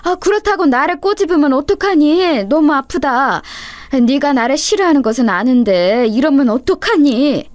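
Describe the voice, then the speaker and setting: A woman voicing a hurt, weary elderly mother in a storybook reading, speaking in a grave, measured way. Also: high voice, animated, no echo, voice pushed up. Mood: pained.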